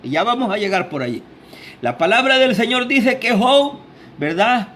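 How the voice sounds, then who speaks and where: A man preaching a sermon in a small church. He is fervent, keeps asking his listeners "right?", and his pitch swings widely as he preaches. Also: big pitch swings, moderate pace, fairly bright tone. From El Salvador. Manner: fervent, sweeping pitch, tag questions. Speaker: lay preacher.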